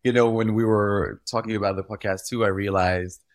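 A deep-voiced Belgian man whose first language is French appears as a guest on a conversational podcast interview, speaking as a retail visual expert. He is animated and repeats words while gathering his thoughts. He talks fairly quickly, and the sound is clean studio quality with no echo.

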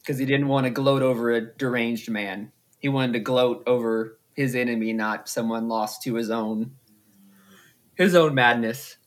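A man's voice: mid-range voice, fairly even intonation, normal speed. A man hosting a casual book podcast, patiently explaining lore to his co-hosts. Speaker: podcast host.

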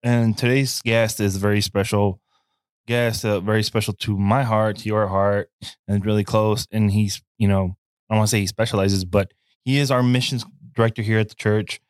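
A male podcast co-host with a fairly low voice, joking around and tossing in quick lines. He speaks close to a dry mic. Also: flat delivery, clear, resonant tone, no room sound. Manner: jokey, quick back-and-forth interjections. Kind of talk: casual podcast chat.

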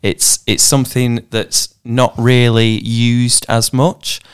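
A man's voice: medium pitch, little pitch movement, slow, clean tone. A man co-hosting a comedy podcast, playfully going along with the jokes. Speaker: podcast co-host. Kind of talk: casual comedic chat.

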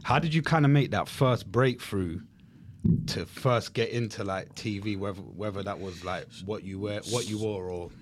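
A man's voice: lowish voice, moderate pace, a little hiss or hum. A man with a London accent hosting a casual chat interview in laid-back, slangy speech. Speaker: podcast host.

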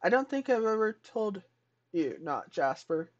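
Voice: mid-range voice, very animated, a little slow, dull audio. A podcast co-host chatting casually and playfully, with joking asides, on an online voice call.

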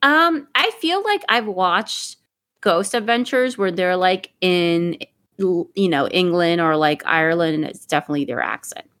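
A woman's voice: on the low side, animated, a little slow, a bit bright, no echo, clean studio sound. A woman co-hosting a podcast, rambling in casual chat and swearing freely. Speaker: podcast co-host.

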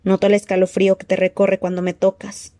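A cold, frail dark lord who hisses his threats slowly and softly, as a woman puts him on. His tone sits dark and mellow, recorded close and dry with no room around it, in a storybook reading. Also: medium pitch, completely flat delivery, dry recording, lightly acted. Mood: menacing. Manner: slow hissing soft threats. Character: cold menacing weak dark-lord man.

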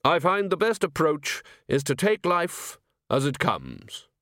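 A man voicing the ghost of a fussy male museum curator with a squeaky, trilling voice and a prim, indignant manner. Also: very animated, slow pace, bright, forceful tone, no room sound, clean studio sound, full character voice.

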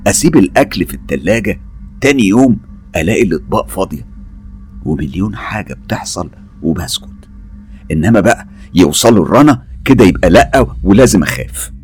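A man's voice: low voice, very animated, fast, breathy edge, soft background music, full character voice. A man voicing a frightened Egyptian wife. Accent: Egyptian Arabic. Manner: fearful, pleading, hushed. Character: frightened young wife, anxious mother.

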